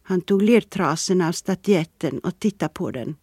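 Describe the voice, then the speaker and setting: A reader giving calm, measured scripted narration of a literary story. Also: medium pitch, breathy edge, dry recording, studio quality. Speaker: audiobook reader.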